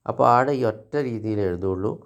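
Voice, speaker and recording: A man from India, giving an Arabic grammar lesson. He speaks slowly through example sentences and asks his learners questions. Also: on the low side, dull audio. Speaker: Arabic teacher.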